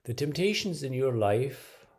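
A man's voice: mid-range voice, sing-song, unhurried, a little mellow. A middle-aged man giving a sermon to camera in a small room, hesitant with many fillers and restarts. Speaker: preacher. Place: small bright room indoors.

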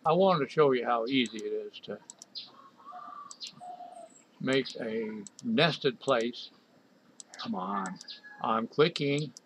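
A man's voice: medium pitch, animated, slow, long pauses, a bit bright, slight background noise, low-quality recording. Guy talking thru a screen recording at his desk, mid voice, keeps getting exasperated, keys clacking. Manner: exasperated, talks to himself while clicking. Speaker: software developer reviewing a program. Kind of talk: screen-recorded software walkthrough.

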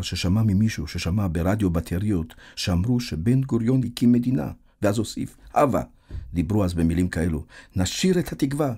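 Man, very low voice, mellow dark tone, audiobook narration, measured, reflective. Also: slightly rough.

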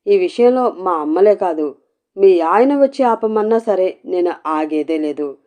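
A woman's voice: fairly low pitch, expressive, unhurried, warm tone. A woman voicing a stern young man who speaks curtly and seriously. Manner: curt, serious.

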